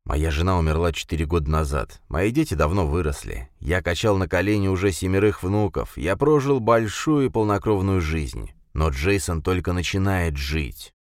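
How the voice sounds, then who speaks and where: A man playing a hoarse, dying old scientist. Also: very deep voice, lively intonation, moderate pace, no echo, studio quality. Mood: gentle. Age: older. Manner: hoarse, gentle, often whispering. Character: old dying male scientist, a gentle grandfather.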